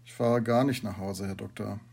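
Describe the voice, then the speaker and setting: Man voicing a shy schoolboy, timid, polite, hesitant, husky, storybook reading. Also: fairly low pitch, steady tone, moderate pace, a little mellow. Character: shy sad schoolboy, about twelve.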